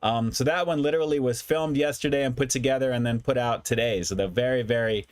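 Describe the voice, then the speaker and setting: A man hosting a food review livestream chats casually with viewers, reading and answering comments and often repeating phrases for emphasis. His mid-range voice is smooth and quick, with no room sound.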